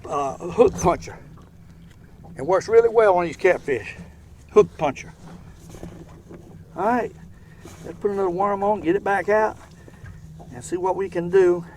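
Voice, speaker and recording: An older man with a Southern US accent chatting casually and ramblingly as he hosts an outdoor fishing vlog. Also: high voice. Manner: folksy, rambling. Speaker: fishing show host. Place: outdoors in a boat on a lake. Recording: outdoor boat ambience, faint noise.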